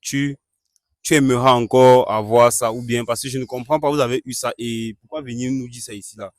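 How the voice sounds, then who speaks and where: A man hosting a staged street-interview skit, questioning a couple and repeatedly urging an angry guest to calm down. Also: mid-range voice, brisk, no echo, clean studio sound. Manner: keeps urging calm, repeats calming phrases.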